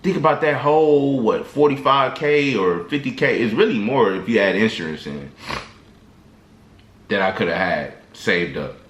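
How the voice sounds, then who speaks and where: A vlogger with a lowish, expressive voice talks to camera at a moderate pace, handing out casual motivational advice to his viewers. He's slangy, loose and rambling, restarting a lot, on a lo-fi recording in an echoey room.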